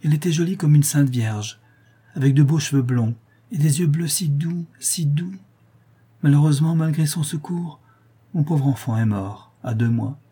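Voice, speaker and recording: A man voicing a poor, ill young laundress in a hospice, telling her troubles in a soft, plaintive way. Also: fairly high pitch, normal speed, slightly rough, voice pushed up.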